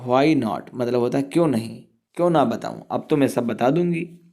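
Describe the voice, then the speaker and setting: A man's voice: medium pitch, animated, moderate pace, warm tone. A male teacher explaining an English story line by line, reading each sentence and then glossing it in Hindi.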